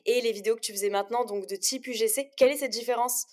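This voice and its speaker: A young woman hosts a podcast in a quick, upbeat, chatty way. She talks fast, and her voice sits a little high. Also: fairly even intonation, darkish tone. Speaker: podcast host. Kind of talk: casual podcast interview.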